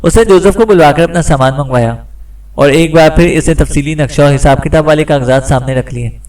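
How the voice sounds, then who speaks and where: Man, audiobook narrator, steady delivery, fairly high voice, distant mic. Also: brisk. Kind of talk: scripted narration.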